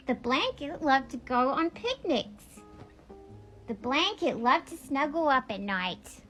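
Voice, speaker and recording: A woman vlogger reads a picture book aloud in a childlike, homemade read-along style. Her high voice swings widely in pitch, slow and a bit bright, over faint music in a rough recording.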